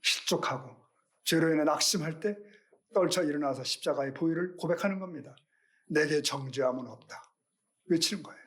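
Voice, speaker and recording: A man's voice: fairly high pitch, fast talker, fairly bright tone. A middle-aged male pastor giving a Sunday sermon, earnest and questioning, with rhetorical questions to the congregation.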